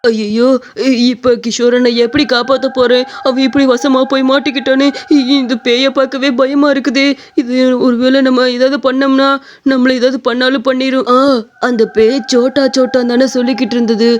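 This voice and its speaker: A woman voicing a brash cartoon young man, argumentative and scheming. His voice sits high, quick to bicker. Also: little pitch movement, lo-fi sound, a little hiss or hum, natural voice. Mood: worried. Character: young village man, bold uncle, brash and plotting.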